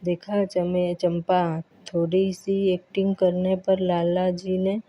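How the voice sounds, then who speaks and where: A woman doing a foolish scheming village man, boastful and whiny, low flat voice. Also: slow.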